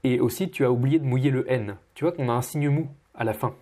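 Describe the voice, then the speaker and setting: A man teaching pronunciation as he corrects a student, patiently repeating each word slowly. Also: medium pitch, dark tone. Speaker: Russian language teacher.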